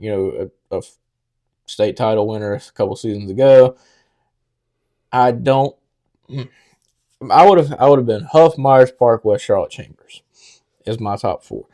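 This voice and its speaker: A man's voice: lowish voice, dark tone. A man co-hosting a sports podcast, arguing his opinions on rankings with confidence. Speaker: podcast co-host. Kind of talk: casual sports talk.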